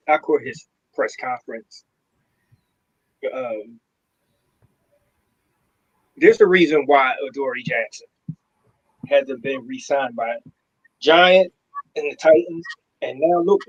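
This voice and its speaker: A man's voice: fairly high pitch, measured pace, long pauses, husky, lo-fi sound. A man co-hosting a casual sports podcast, fired up and slangy, repeating himself as he makes his point. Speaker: podcast co-host.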